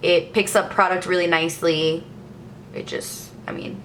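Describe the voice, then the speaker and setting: A woman's voice: fairly low pitch, little pitch movement, moderate pace, fairly bright tone, slight background noise. A young woman chatting enthusiastically as a beauty vlogger, showing her makeup brushes. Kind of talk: casual makeup tutorial.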